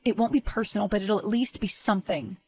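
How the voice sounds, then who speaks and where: A woman voicing a gentle, principled young male teacher in an animated story, speaking softly and earnestly. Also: mid-range voice, fast talker, husky, no room sound, faint music behind. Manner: soft, subdued, earnest.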